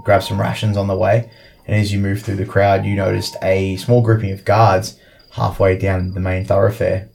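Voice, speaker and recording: A man's voice: low voice, level tone, moderate pace, gravelly, a little mellow, slight background noise, poor audio. A man narrating as game master of a tabletop game, loose and full of "like"s. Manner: loose, filler-heavy narration with many "like"s.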